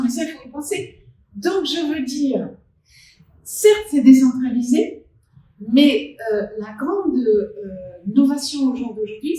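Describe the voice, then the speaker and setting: Woman on a conference panel, kinda high voice, keeps restarting and stressing points, sounds far off in a big echoey room. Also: dark tone. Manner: hesitant, many restarts and fillers, emphatic. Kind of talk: conference round-table discussion. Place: conference hall at a live event. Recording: very echoey hall, recorded from afar.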